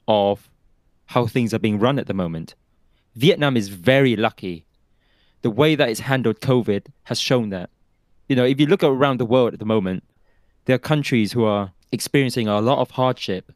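A man's voice: mid-range voice, moderate pace, no room sound. Man, podcast co-host, casual talk, poses his own questions and answers them, close dry mic.

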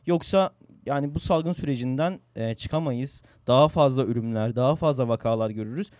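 A man's voice: medium pitch, fairly quick, darkish tone, no echo. A young man hosting a radio show in casual chat, earnest and agreeable, repeating his points. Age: young adult. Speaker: radio host.

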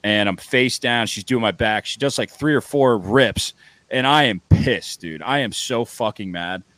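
A young man hosting a casual podcast, excitable and loud, rambling and swearing freely. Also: mid-range voice, a little slow, no room sound. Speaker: podcast host.

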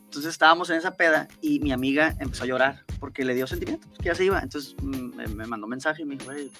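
A man's voice: medium pitch, fast talker, over music. A man with a Mexican Spanish accent telling slangy, profane anecdotes in a casual chat. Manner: slangy, profane, animated storytelling.

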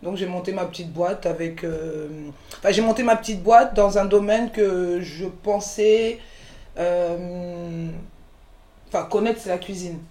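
A woman in her forties from the Ivory Coast, a chef and entrepreneur, speaks as a guest in a candid conversational interview. Her voice is lowish and dark, her pace measured, and she talks frankly and ramblingly with many restarts and fillers. The room is echoey.

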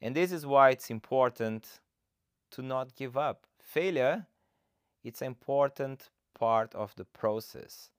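With a slow pace and a clear, resonant mid-range voice, the Brazilian fat loss coach talks solo to his podcast audience in a heartfelt, motivating manner. His accent is Brazilian Portuguese, and the studio sound is clean with no echo.

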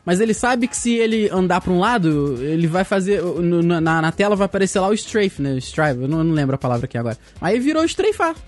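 A Brazilian Portuguese-speaking man who teaches, co-hosting a podcast in animated, profane casual chat. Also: high-pitched, fast, few pauses, soft background music. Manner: animated, swears freely.

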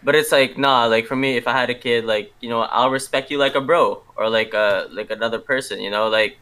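A man's voice: mid-range voice, steady tone, a little fast, pushed and bright, clean tone. A young adult man chatting casually in street slang, full of bro, man and swearing. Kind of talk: casual chat.

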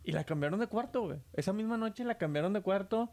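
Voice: mid-range voice, fast. A speaker with a Mexican Spanish accent telling a scary hospital story in casual, slang-filled chat. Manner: slangy, animated, acts out quoted voices.

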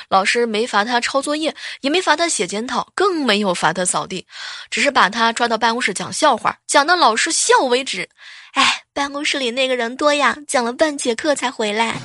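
A woman with a bright, forceful voice reels off short comic anecdotes, jumping into the voices of the people she quotes. Her voice sits a little high, and the sound is dry and close. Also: a little fast, no room sound. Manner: lively, acts out quoted lines with big pitch jumps. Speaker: joke storyteller.

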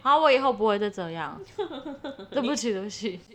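A young woman with a Taiwanese Mandarin accent chats on a podcast in a high, bouncy voice that swoops widely. She laughs often and acts out the voices of the people she quotes. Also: animated, moderate pace. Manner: laughs often while telling stories, mimics quoted voices animatedly. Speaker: podcast co-host. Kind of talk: casual chat.

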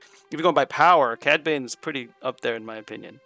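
A man's voice: medium pitch, brisk, pushed and bright, dry recording, faint music behind. A man hosting a casual fan podcast, talking in a rambling, self-interrupting way. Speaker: podcast host. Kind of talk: casual chat.

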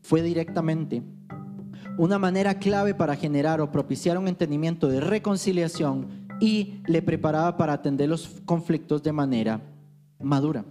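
A man's voice: on the high side, normal speed, music in the background. A man teaching on worship, telling stories in a loose, conversational way. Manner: conversational storytelling with anecdotes.

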